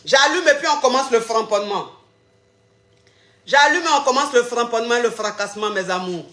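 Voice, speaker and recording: Woman host, high and bright, playful and teasing, live call-in stream, echoey room. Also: moderate pace. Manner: playful, repetitive, teasing callers. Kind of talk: casual live-stream chat with callers.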